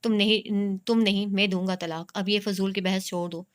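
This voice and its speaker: A woman voicing a cold, calm husband in a storybook. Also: mid-range voice, clean tone, lightly acted. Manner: calm, curt, unbothered.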